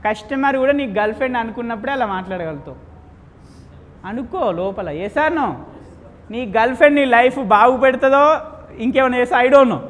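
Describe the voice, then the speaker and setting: A man's voice: high voice, slight background noise. A man leading a real estate sales training seminar, quizzing the audience and acting out little dialogues as he teaches. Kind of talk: live training seminar lecture. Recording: long hall reverb.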